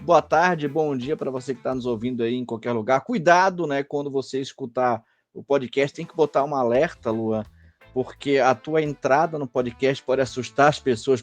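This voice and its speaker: A man co-hosting a podcast in a casual chat, relaxed and teasing, with a Brazilian Portuguese accent. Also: mid-range voice, dry recording. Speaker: podcast co-host.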